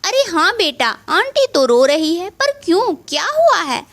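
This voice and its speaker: A woman's voice: very high voice, very animated, a little slow, a bit bright, exaggerated voice. A woman voicing a worried, kind father who keeps pressing with anxious questions in a spoken Hindi story.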